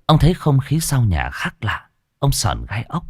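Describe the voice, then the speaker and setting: A man's voice: mid-range voice, wildly swooping pitch, unhurried, darkish tone, slightly rough, dry recording, studio quality. A man narrating a ghost story in a dramatic, scripted way. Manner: dramatic, varied delivery.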